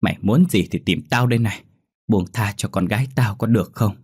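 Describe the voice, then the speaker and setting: A man's voice: on the low side, a little fast, darkish tone, slightly rough, no echo, studio quality. A man voicing a desperate young mother. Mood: anguished.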